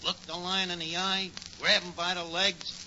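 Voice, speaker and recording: This old radio comedy bit features a male actor as the lead, a cocky, scheming tavern manager who wisecracks and mangles words in slangy, mock-grand New York speech. The voice is high and sharp, with a flat delivery at a moderate pace, and the 1940s recording sounds noisy and dull.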